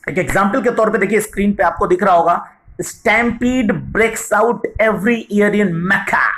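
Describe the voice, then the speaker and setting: A man teaching English vocabulary in a video lesson, explaining patiently, reading English examples slowly and often asking "right?". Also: sits high, fairly bright tone. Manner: addresses viewers as "sahab", frequent "right?".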